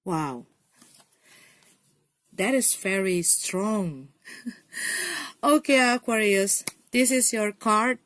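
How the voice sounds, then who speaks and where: Woman, tarot reader, casual reading to camera, unhurried pace, dry close sound, encouraging, repetitive phrasing. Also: medium pitch, a bit bright, no room sound. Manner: encouraging, repeats phrases, many "you know" fillers.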